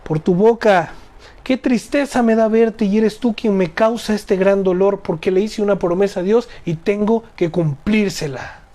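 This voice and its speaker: A speaker acting out a grieving middle-aged father torn by grief in a Bible reading, crying out in a high, strained voice that drops to a whisper. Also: normal speed, mellow, natural voice. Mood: anguished. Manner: high anguished cry, partly whispered.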